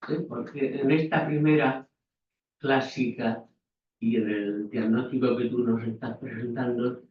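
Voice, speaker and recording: A professor asking a long question in an academic seminar, halting and full of fillers. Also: male voice, medium pitch, steady tone. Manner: slow, halting, with many fillers. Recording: far from mic in a very echoey room, dull, faint noise.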